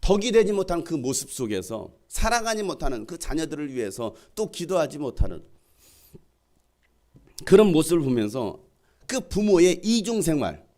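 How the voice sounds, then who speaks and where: Animated Korean pastor preaching with wide swings. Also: male voice, a little high, moderate pace. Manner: animated preaching with call-and-response questions and acted-out quotes. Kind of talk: sermon.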